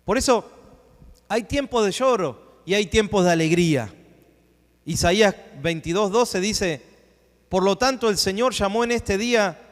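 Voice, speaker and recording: A man pastor preaching a sermon, rising into emphatic swells and dropping into hushed asides. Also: high voice, lively intonation, a little slow. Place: church sanctuary. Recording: long church hall reverb.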